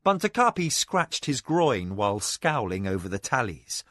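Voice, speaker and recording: A man narrating a fantasy novel as an audiobook, in a measured, expressive way. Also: mid-range voice, no room sound, clean studio sound.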